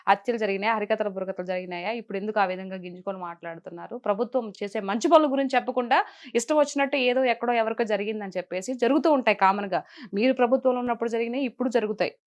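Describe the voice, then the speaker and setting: A woman's voice: mid-range voice, darkish tone, highs cut off. A woman from Nellore with a Nellore Telugu accent, speaking outspokenly and emphatically as an interview guest. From Nellore, Andhra Pradesh. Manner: outspoken, emphatic, fast-talking. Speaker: interviewee, political social media commentator. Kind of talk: casual interview chat.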